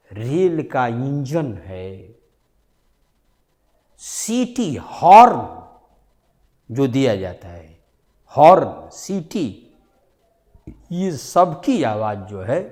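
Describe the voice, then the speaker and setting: A man teaching a science class, repeating each key number and phrase slowly and carefully. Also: mid-range voice, a little mellow. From India. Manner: slow, repetitive, stresses key numbers.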